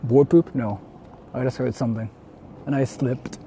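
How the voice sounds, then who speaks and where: A young man with a medium-pitched, dark, steady voice talks at a normal pace while live-streaming his exploration of a rural area outdoors. He chats casually and wanders into asides for his viewers, with a faint hiss or hum in the audio.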